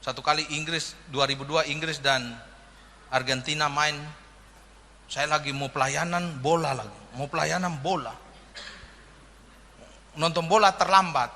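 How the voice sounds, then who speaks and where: A man's voice: a little high, bright, forceful tone, big-room sound, a little hiss or hum. A man preaching a sermon in a joking, humorous way, often calling out "amin" to the congregation. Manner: humorous, jokey preaching with frequent "amin" calls. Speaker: pastor.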